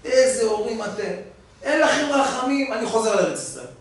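A spoiled young man's voice, whining and pushy, pitched up high and thin, as a male preacher puts him on. It sounds far from the mic, with the hard echo of a big room trailing behind every word. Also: lively intonation. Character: pleading young son, spoiled, whiny, demanding money. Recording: echoey hall, voice from far off.

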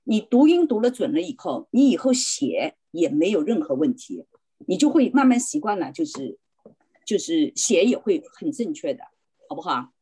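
A woman's voice: fairly low pitch, big pitch swings, moderate pace, dark tone, husky. A woman teaching a beginner language class over a video call, patiently correcting pronunciation and checking that students follow. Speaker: volunteer Spanish teacher.

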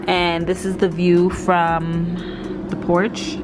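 A woman vlogs from a mountain rental cabin in an easy, chatty way, stopping to correct her own words. Her voice sits fairly low, and she sounds short of breath. Music plays clearly underneath her talk. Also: completely flat delivery, very slow. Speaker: vlogger. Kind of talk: casual vlog narration.

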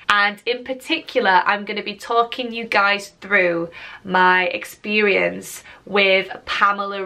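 Bubbly bright-voiced young woman vlogger. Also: medium pitch. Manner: bubbly and enthusiastic, chatty. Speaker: YouTuber. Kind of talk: casual vlog talk to camera.

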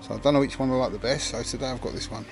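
A man's voice: medium pitch, very fast, music in the background. A middle-aged man, chatting casually while filming himself outdoors at a woodland camp. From England. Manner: chatty, relaxed, upbeat. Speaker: outdoor vlogger. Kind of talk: casual vlog narration. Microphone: handheld action camera at arm's length.

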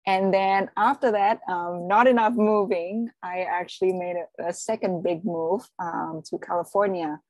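A woman's voice: fairly low pitch, steady tone, measured pace, few pauses, a little mellow, dry recording. A woman in her thirties from Indonesia, presenting on a video call in a friendly way, with many fillers. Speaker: guest speaker, postdoc. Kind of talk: casual presentation.

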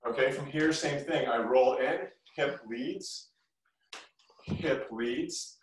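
A middle-aged man teaches kung fu live from a mid-sized living room, speaking slowly at a medium pitch as he gives brief instructions and encouragement. Recorded by a camera across the room, the audio is roomy and distant, with a slight hiss or hum.

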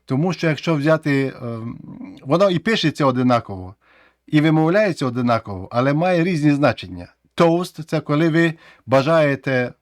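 A man with a Ukrainian accent, teaching English vocabulary in a casual video lesson, explaining slowly and repeating words for practice. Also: on the high side, lively intonation, dry recording, clean studio sound.

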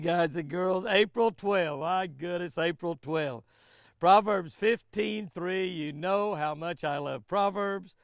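Older man with a drawl, folksy and chatty devotional host, slightly high, gravelly voice. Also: no room sound, studio quality. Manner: folksy, chatty, lively, laughs often. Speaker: devotional host and fishing guide. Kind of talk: folksy daily devotional reading. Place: outdoors by a flowering tree.

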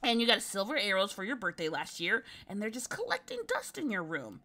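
A woman's voice: mid-range voice, very animated, fairly quick, bright, forceful tone, pitched above the performer's own voice, heavily acted. A woman voicing a nervous young female adventurer from a game, rambling through her anxious worries. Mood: excited, nervous. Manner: anxious, tumbling run-on worries. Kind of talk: reading game dialogue aloud.

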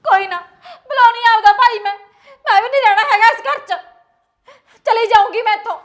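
An actress playing a tearful young wife who feels wronged by her household, speaking with a shrill, aggrieved voice. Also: moderate pace. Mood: angry. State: crying. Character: tearful young wife threatening to leave home. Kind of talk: film drama dialogue.

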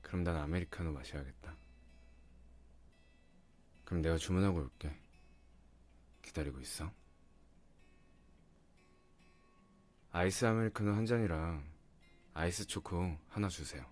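A man playing a doting, teasing young boyfriend in an intimate ASMR ASMR role-play, murmuring softly and coaxingly close to the microphone. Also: low-pitched, moderate pace, pauses often, close to an everyday voice. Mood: caring, casual. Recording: music behind the voice.

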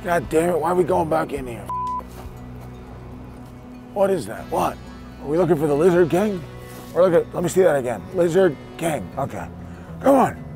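Man, high animated voice, shouting and calling out, music under the outdoor take. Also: moderate pace, gravelly, long pauses. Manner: loud calling out, urgent.

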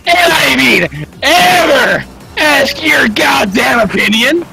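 A man putting on an always-enraged male gamer persona in voice chat, screaming insults in a strained, gravelly voice. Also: extremely high pitch, animated, slow pace, raised voice, over music, heavily acted, poor audio. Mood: furious. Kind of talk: in-game voice chat role-play.

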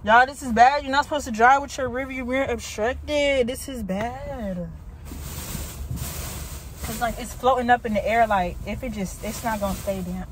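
A woman vlogging casually to her phone in a car, talking fast and loose, peppering everything with "like" and "y'all.". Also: a little high, steady tone, background noise. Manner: chatty, fills with "like" and "y'all", quick to exasperation. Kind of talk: casual chat to camera. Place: inside a car. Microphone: phone propped up in the car.

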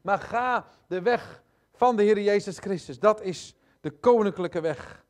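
A male preacher delivering a sermon in a noticeably high voice for a man. He talks straight to the congregation, hammering points home with repetition. His delivery swings between loud stresses and quiet, hushed asides. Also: unhurried. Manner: addresses congregation directly.

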